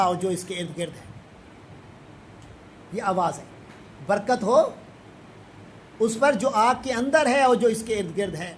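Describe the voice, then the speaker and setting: A middle-aged man from Pakistan with a high voice gives a Quran commentary lesson. He intones each Arabic verse slowly, then explains it briskly in everyday speech. Faint noise is heard behind him. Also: poor audio. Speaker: Quran teacher.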